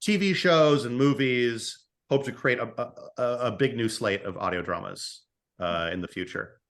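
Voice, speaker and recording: Moderately paced and fairly bright, his mid-range voice belongs to a screenwriter and audio drama writer being interviewed casually on a podcast. He comes across as tentative, circling back over words as he forms what he wants to say.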